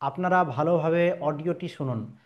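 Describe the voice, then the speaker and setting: A man with a slightly high voice gives a slow, patient pronunciation lesson. He sounds out each letter again and again, stretching the vowels and checking that the listener understands. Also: lo-fi sound. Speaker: Quran recitation teacher.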